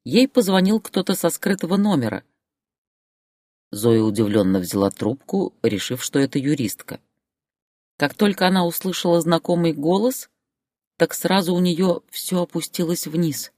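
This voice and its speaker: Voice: mid-range voice, expressive, normal speed, darkish tone, dry recording. A narrator telling a story in a plain storytelling delivery, as in an audiobook.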